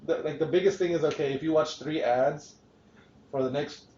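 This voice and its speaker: A man's voice: a little high, moderate pace, warm tone, slight background noise. Male podcast host, casual and profane, roomy lo-fi sound. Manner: rambling, swears freely, frequent restarts. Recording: roomy, dull lo-fi podcast recording.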